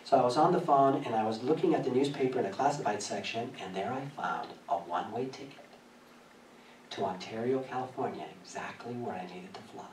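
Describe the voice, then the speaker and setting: A man preaching a sermon, telling a personal story in a lively way and often laughing as he speaks. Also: mid-range voice, a little fast, a little hiss or hum. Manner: animated, laughing through his story. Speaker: pastor. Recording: echoey church from a distance.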